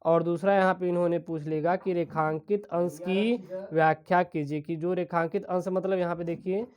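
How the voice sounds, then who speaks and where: A woman teacher, explaining exam questions step by step and reading literary passages aloud slowly. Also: fairly low pitch, fairly even intonation, darkish tone. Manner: explains step by step, keeps calling students "dear children". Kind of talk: exam-prep lesson.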